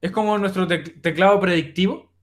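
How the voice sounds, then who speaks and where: A young male teacher walks students through a recorded online class. His voice sits a little high, and his delivery is casual and direct, with frequent "eh" fillers. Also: fairly even intonation, a little fast.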